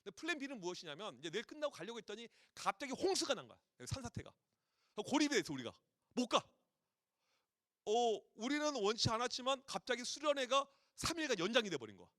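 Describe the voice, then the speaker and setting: A male pastor preaching to a youth retreat, telling stories in a lively way and acting out the voices of parents and children. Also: very high-pitched, quick pace, no echo, studio quality.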